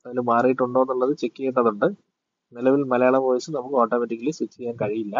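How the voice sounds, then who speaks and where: A man giving a casual tech tutorial and explaining phone settings, pausing often with fillers. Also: mid-range voice, flat delivery, dull audio. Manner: hesitant, with many fillers.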